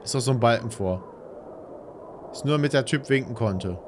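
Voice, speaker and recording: A man's voice: mid-range voice, moderate pace. A man in his thirties giving casual, musing game commentary, muttering to himself as a let's player. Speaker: let's player, gaming streamer. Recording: loud ambient game noise behind voice. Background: horror game ambience.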